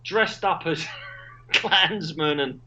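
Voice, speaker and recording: A man co-hosting a casual comedy chat over a call, excitable and sweary, with a voice that leaps up and down. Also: fairly high pitch, extremely slow, muffled recording, noisy background. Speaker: podcast co-host. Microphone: remote call.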